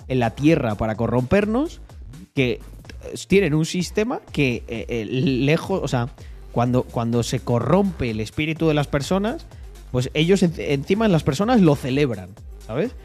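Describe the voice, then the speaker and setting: A man's voice: medium pitch, a little mellow. A young man from Spain with a Spanish accent, talking to his livestream chat in a casual, emphatic way, often repeating words and swearing. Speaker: streamer.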